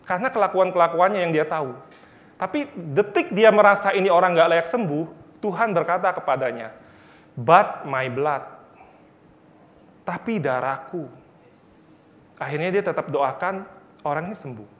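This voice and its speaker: Male Bible teacher, high voice, earnest storytelling sermon. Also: fairly quick, fairly bright tone. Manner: earnest, storytelling with repeated phrases.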